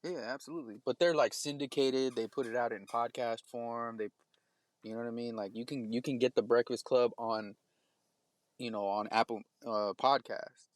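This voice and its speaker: A man's voice: medium pitch, steady tone, no echo. Man, casual podcast talk, rambling with restarts, dry recording. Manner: rambling, halting speech with many restarts.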